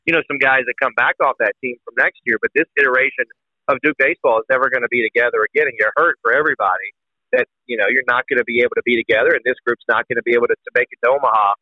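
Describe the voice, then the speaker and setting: A man's voice: medium pitch, racing, dry recording. A young man, a college baseball announcer, talking earnestly and emotionally as a podcast guest. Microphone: phone call. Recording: tinny phone line.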